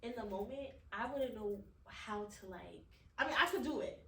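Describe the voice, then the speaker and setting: Bright-voiced teasing woman from Hawaii. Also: on the high side, animated, moderate pace. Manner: teasing, emphatic and profane, laughs often. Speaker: podcast co-host. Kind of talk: casual podcast chat. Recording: roomy, distant mic with faint noise.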